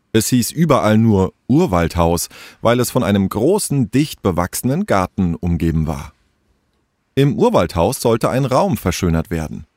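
A man's voice: fairly low pitch, a little mellow, dry recording, studio quality. A man reading a children's story aloud, shifting his voice for each character. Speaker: narrator.

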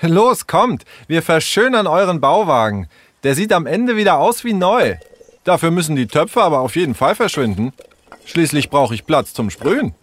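A man's voice: fairly high pitch, big pitch swings, no echo, pitched above the performer's own voice. A man voicing a bossy, headstrong young girl in a storybook reading. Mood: pushy. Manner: pushy, quick-tempered.

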